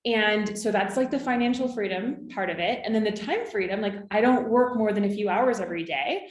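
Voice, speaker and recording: A business coach in her thirties from California talks to camera, encouraging her viewers and often checking in with "okay?" and "right?". Her mid-range voice is fairly quick, and the sound is reverberant.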